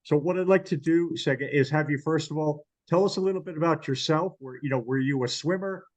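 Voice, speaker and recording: A man hosting an interview as chairperson of a hall of fame, asking questions in a measured, hesitant way. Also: fairly high pitch. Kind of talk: interview over video call.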